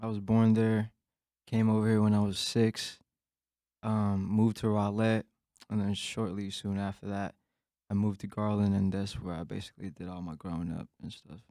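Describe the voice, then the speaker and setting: Easygoing mellow-voiced man. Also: fairly low pitch, little pitch movement, normal speed, no room sound, studio quality. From Philippines. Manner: easygoing, many "you know" fillers. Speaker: guest artist. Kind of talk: casual conversation.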